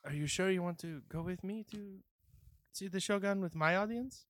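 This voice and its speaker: A man's voice: high voice, normal speed, no echo, pitched above the performer's own voice, lightly acted. A man voicing a nervous, fussy shopkeeper who stammers and hesitates. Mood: flustered.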